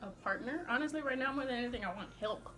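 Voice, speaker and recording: A woman chatting casually to camera, rambling and interrupting herself in animated slang, with a slight lisp from wearing a retainer. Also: a little high, quick pace, a little hiss or hum. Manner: slangy, sweary, animated self-interrupting delivery. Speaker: vlogger.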